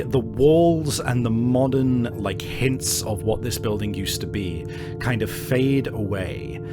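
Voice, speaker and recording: A medium-pitched man acts as game master for a tabletop game, improvising the narration and frequently pausing to hunt for words.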